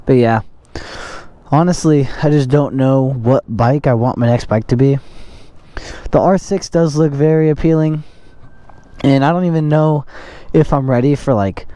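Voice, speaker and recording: A man's voice: medium pitch, unhurried, no room sound. A young man riding a motorcycle and talking inside his helmet, chatting casually and rambling with lots of fillers. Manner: rambling, filler-heavy, laid-back. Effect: muffled, talking inside a motorcycle helmet. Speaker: motovlogger. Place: outdoors riding a motorcycle on city roads. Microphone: helmet-mounted mic. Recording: loud wind and traffic noise while riding.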